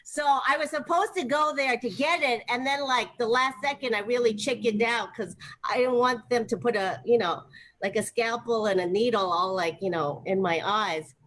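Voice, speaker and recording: A young American woman from Ohio tells chatty stand-up stories at an online open mic, using lots of fillers and laughing often. Her voice sits on the high side, fairly bright, at a moderate pace, and the video-call audio is poor with faint background noise.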